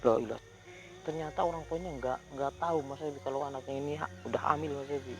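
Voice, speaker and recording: A man, hosting a ghost-hunting video outdoors at night, talking in a hushed voice that turns into loud, urgent calls. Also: mid-range voice, fairly even intonation, quick pace. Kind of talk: hushed on-location paranormal narration.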